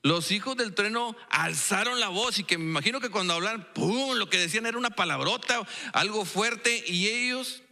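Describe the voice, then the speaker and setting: A man's voice: high voice, animated, normal speed, creaky, hardly any pauses, sharp tone. A man with a Mexican accent preaching a sermon in a church, playful and full of storytelling and jokey asides. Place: church sanctuary. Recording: echoey church hall.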